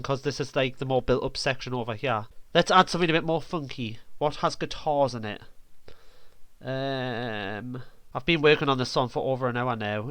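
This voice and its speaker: A man's voice: mid-range voice, fairly bright tone, clear, resonant tone, dry recording. A man vlogging while he edits a track, rambling playfully and mouthing out beat sounds as he goes. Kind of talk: casual commentary while editing music.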